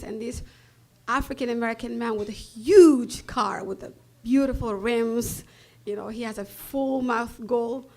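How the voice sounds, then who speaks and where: A woman from Somalia, whose voice is on the high side, tells a personal story on stage with a Somali accent. She is blunt and animated and laughs often between her lines.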